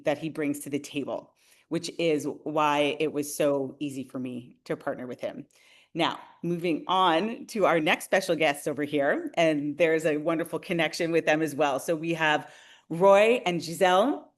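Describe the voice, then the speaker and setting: A woman's voice: deep voice, moderate pace. Upbeat woman hosting a webinar. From Canada. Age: 40s. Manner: friendly, enthusiastic, addresses viewers directly.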